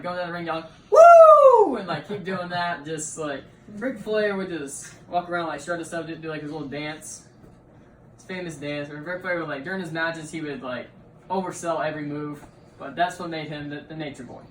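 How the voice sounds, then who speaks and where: A young man gives a class presentation speech, halting and repeating himself as he talks. He sounds distant from the mic, and the room rings with echo. A steady hum of noise sits behind his voice. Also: a little high. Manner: halting, often repeats words and leans on "like".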